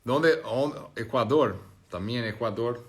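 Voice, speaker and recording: A man's voice: mid-range voice, slow. A Brazilian man with a Portuguese accent, chatting casually on a live stream, reading out viewer comments and joking between languages. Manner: switches between Spanish, English and French, laughing and joking.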